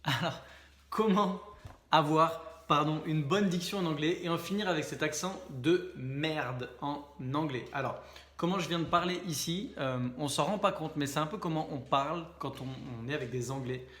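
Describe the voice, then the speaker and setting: A young French man talking casually to camera, chatty, with frequent fillers and quick self-corrections. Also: a little high, a bit bright, reverberant. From France. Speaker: vlogger and speaking coach.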